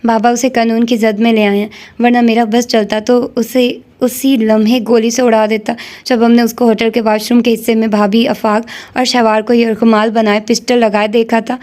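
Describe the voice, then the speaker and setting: A woman voicing a stern, protective young male police officer who speaks gravely. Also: on the high side, flat delivery, few pauses, a little mellow, natural voice. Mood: angry.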